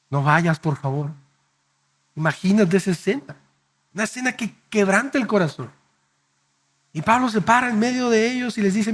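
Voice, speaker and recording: A man preaching a sermon as pastor, speaking earnestly and directly to the congregation, dropping soft and slow at emotional peaks. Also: high-pitched.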